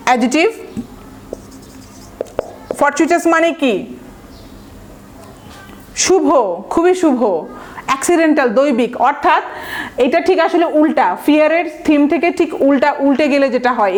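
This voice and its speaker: A woman teaching a recorded vocabulary lesson, explaining word meanings and spelling words out letter by letter. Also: sits high. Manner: explains slowly, spells words letter by letter, mixes English examples.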